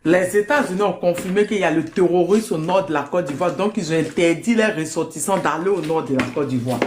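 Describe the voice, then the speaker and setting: A woman hosting a live stream on her phone, explaining the news in a brisk, plain way to a guest on the call. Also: on the low side, a little hiss or hum. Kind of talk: casual live-stream chat.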